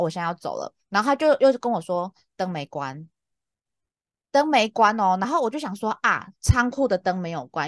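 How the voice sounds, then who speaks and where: A Taiwanese-accented woman in her thirties co-hosts a podcast, telling stories animatedly in casual chat. She sounds exasperated yet lively, laughs often, and her pitch leaps widely. The studio recording is clean with no echo.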